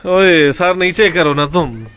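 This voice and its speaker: A man's voice: a little high, slow pace, a bit bright. Man hosting a pet vlog outdoors. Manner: instructive, directs the boy. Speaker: vlog host. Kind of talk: casual vlog narration. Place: outdoor bird enclosure.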